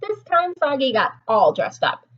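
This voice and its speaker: Here a woman reads a storybook to little kids as their teacher, her high voice swinging hugely in pitch while she keeps a measured pace. She explains things with expression and puts questions to her listeners, though the audio is dull.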